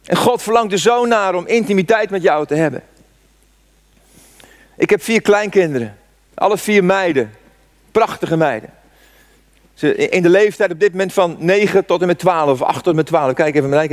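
A man in his sixties preaching a sermon, telling a personal story with fervent rhetorical questions. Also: on the high side. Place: church. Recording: long church reverb.

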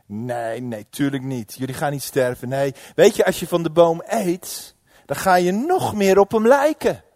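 A man voicing a sly male serpent who tempts in a coaxing, hushed whisper, as part of a sermon's acted story. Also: a little high, measured pace, no echo, clean studio sound. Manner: wheedling, persuasive.

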